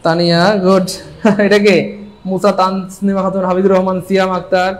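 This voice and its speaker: A man teaching English grammar in a live online lesson, lively and joking as he urges viewers to comment. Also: sits high, brisk, rough recording.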